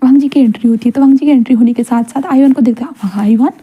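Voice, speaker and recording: A woman's voice: sits high, fairly even intonation, very fast, breathy edge, dull audio. A woman storyteller casually narrating a story, retelling scenes loosely with fillers.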